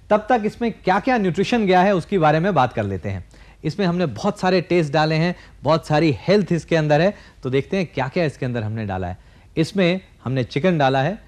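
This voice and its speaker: A man's voice: fairly high pitch, a little mellow. A man in his forties hosting a televised cooking demonstration in a studio kitchen, explaining each step directly to viewers. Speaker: TV cooking show host.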